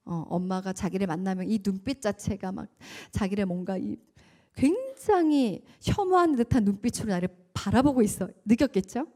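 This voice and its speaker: A woman's voice: medium pitch, animated, moderate pace, mellow. A woman giving a church testimony as a guest speaker, telling her story vividly, acting out dialogue and laughing often.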